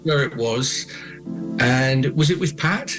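British guy in his 40s, storyteller chatting, thoughtful and poetic, unhurried, faint music behind. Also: medium pitch, lively intonation, low-quality recording. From Britain. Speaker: oral storyteller and interview guest. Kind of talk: reflective conversational storytelling.

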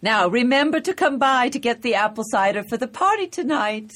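An actress playing a kindly older country woman who stays gentle, composed and firm, with a slightly breathy voice. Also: on the high side, lively intonation, brisk. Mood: friendly. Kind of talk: radio drama acting.

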